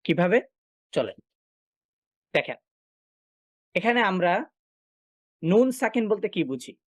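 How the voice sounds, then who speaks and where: A man teaching a recitation class, explaining step by step and asking and answering his own questions, often pausing with filler sounds. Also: high-pitched, animated, no room sound, clean studio sound. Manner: frequent filler sounds while thinking. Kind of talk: online class lecture.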